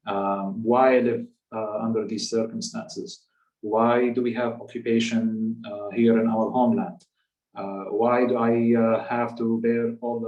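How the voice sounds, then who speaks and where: A Palestinian man in his thirties from the West Bank, a native Arabic speaker with a Palestinian accent, tells a personal story as a guest speaker at a public talk, in a measured, halting manner. His mid-range voice has a darkish tone. The recording is muffled and echoey, made in a room with a distant microphone.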